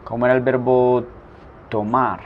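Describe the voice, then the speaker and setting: A man teaching a language lesson, asking a prompt and then saying each answer slowly twice. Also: mid-range voice, little pitch movement. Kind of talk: slow spoken drill lesson. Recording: dull lo-fi recording with faint noise.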